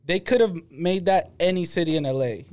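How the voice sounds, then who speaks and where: A man's voice: high voice, animated, a little fast, a little mellow. A man on a podcast, speaking bluntly and swearing in casual chat.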